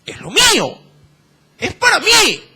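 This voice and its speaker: A man's voice: very high-pitched, wildly swooping pitch, takes it slowly, sharp tone. A man with an Ecuadorian accent preaching a sermon, emphatic and firing rhetorical questions at the congregation.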